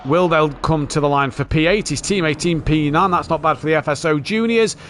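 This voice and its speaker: A man's voice: on the high side, fairly quick, fairly bright tone, a little hiss or hum. A man giving live race commentary as a motorsport commentator, calling the action as it happens.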